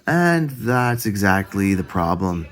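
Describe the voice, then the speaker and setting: A jolly old Santa Claus, as a male storybook reader puts him on, hearty and chatty. His delivery is slow and swings up and down, raised and exclaiming, with a flustered edge. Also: on the low side, sing-song, a bit bright, exaggerated voice. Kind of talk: children's storybook character voice.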